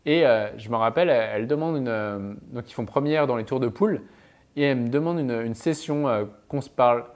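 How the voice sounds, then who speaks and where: This mental performance coach talks a little fast in a mid-range, slightly mellow male voice. He gives advice and anecdotes with emphasis, dropping in punchy sound-effect interjections to punctuate what he says.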